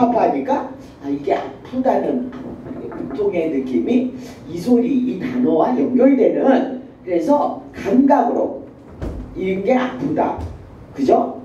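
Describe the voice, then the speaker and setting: A woman professor lectures with a lively, swooping delivery and a deep, mellow tone. Her examples spring to life as she acts out the people in them. She is recorded from across a very echoey classroom, dull and lo-fi, with faint room noise. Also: far from the mic. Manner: animated, acts out children and mothers. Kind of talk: university lecture.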